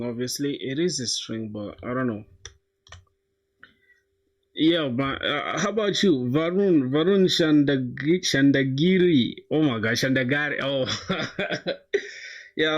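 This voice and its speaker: A young man from South Sudan live-streaming his coding, thinking aloud in a slangy, casual way with bursts of excitement. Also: medium pitch. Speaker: coding livestreamer.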